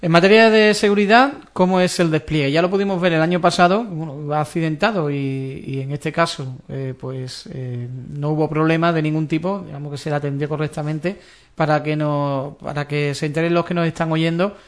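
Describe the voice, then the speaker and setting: A man's voice: fairly high pitch, steady tone, brisk. A man with an Andalusian Spanish accent hosting a local sports radio show, asking questions and prompting with short backchannels. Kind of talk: radio interview.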